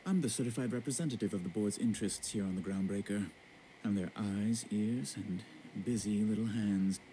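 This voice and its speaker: A man plays an unctuous corporate representative in a video game. His voice sits low and mellow, his diction is clipped and formal, and a faint noise hum lies under the audio. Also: moderate pace, lightly acted, poor audio. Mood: smug. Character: prim smug male corporate representative.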